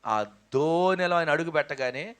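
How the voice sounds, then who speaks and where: Middle-aged male pastor, fervent sermon delivery, fairly high-pitched, swells into loud calls. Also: normal speed, clear, resonant tone. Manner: exhorting, rising to loud emphatic calls.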